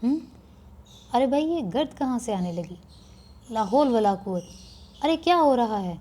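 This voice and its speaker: A woman's voice: fairly high pitch, mellow, lightly acted. A woman teacher voicing a sick, irritable husband who groans and complains in a peevish way while reading a play. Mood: irritated.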